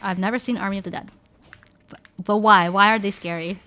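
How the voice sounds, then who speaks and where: A young woman streaming, chatting casually with viewers in an animated way, filling her talk with "like" and restarting her sentences. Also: medium pitch, brisk. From Canada.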